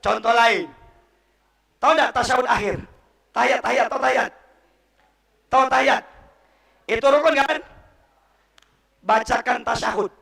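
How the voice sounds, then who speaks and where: Young palembang preacher guy, high bright voice, quizzing kids in an echoey mosque, sounds far off. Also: creaky. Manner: animated, quizzing the audience and correcting them. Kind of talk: sermon to school students.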